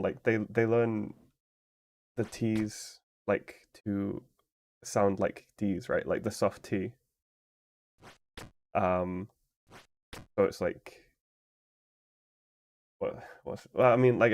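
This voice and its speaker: Low-voiced man rambling on stream. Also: fairly even intonation, slow, long pauses, darkish tone. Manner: rambling, explanatory, heavy use of "like". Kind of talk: casual chat while playing a game.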